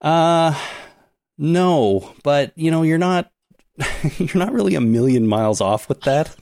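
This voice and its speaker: A man's voice: a little high, lively intonation, takes it slowly, vocal fry, darkish tone, dry recording, clean studio sound. A man co-hosting a casual podcast, explaining things at length and giving spoiler warnings. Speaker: podcast co-host.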